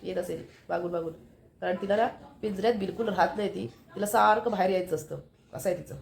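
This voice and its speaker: A woman's voice: mid-range voice, fast, creaky. A woman with a Marathi accent, chatting casually to the camera as she shows things around her family home. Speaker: vlogger. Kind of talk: casual family vlog narration.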